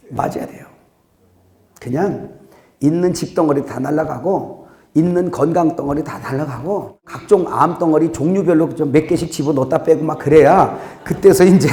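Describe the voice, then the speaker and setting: A man preaching a sermon as pastor, swinging between loud outbursts and quiet asides, laughing at his own jokes. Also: fairly high pitch, reverberant.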